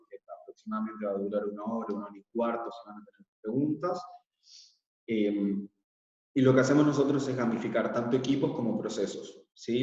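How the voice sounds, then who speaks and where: A man from Israel, a workshop facilitator, presenting calmly online and explaining with frequent hesitant fillers. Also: lowish voice. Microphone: laptop mic on a video call. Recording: echoey, distant, dull video call audio.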